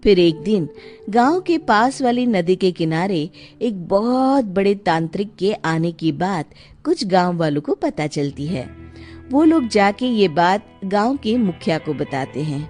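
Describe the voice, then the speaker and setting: Woman storyteller: mid-pitched, expressive narration over soft music. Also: unhurried.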